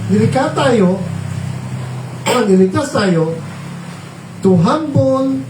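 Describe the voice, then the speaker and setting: A man's voice: extremely high pitch, lively intonation, very slow, noisy background. A man preaching a sermon, switching between Tagalog and English and often checking in with his listeners through tag questions. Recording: roomy, distant mic, faint ambience.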